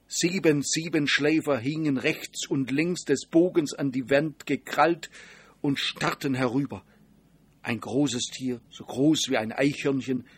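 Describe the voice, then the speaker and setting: A man narrating an audiobook in a steady, even storytelling manner. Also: medium pitch, slightly rough.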